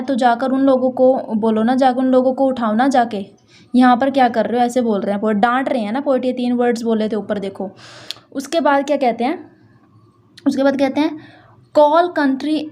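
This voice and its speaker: A woman's voice: high voice, darkish tone. Chatty woman teaching a poem. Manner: chatty, repeats "thik hai" and "doston", reads English lines slowly. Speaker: English literature teacher. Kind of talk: explaining a poem line by line.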